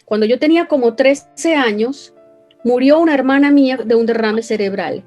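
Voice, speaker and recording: A woman's voice: a little high, normal speed, darkish tone, highs cut off, soft background music. A Venezuelan woman with a Venezuelan accent, earnestly telling an emotional personal story as an interview guest. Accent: Venezuelan Spanish. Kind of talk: personal testimony.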